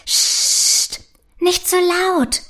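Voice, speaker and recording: A woman voicing a lively, curious young girl princess with a chirpy, girlish voice. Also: sits high, a little slow. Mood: hushed.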